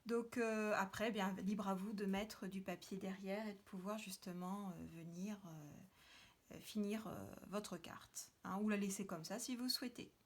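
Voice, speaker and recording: The host of this card-making tutorial has a mid-range, steady voice and a measured pace. Her casual demonstration has her chatting while working, with many hesitations and fillers throughout.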